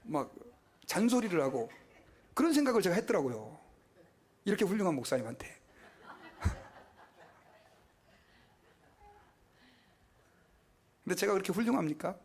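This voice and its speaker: Brief: middle-aged man, pastor in a church, chatty preaching style, slightly raised pitch. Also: big pitch swings, fast, darkish tone, slightly rough. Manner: conversational preaching with rhetorical questions and mock quotes. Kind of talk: sermon.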